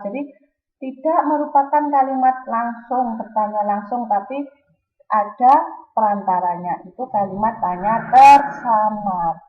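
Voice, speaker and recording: A high-pitched woman teaching young pupils. She speaks patiently, posing questions and answering them herself. The recording sounds roomy and a little muffled. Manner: patient, addresses pupils directly, asks then answers questions. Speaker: primary school teacher. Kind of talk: recorded classroom lesson. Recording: echoey room, slightly dull sound.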